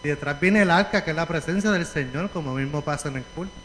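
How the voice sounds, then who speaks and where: A man's voice: fairly high pitch, fast talker, fairly bright tone. A man with a Puerto Rican accent earnestly explaining a Bible passage in church. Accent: Puerto Rican Spanish. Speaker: congregation member. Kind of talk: sharing a Bible reflection. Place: church sanctuary. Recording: church hall reverb, faint noise.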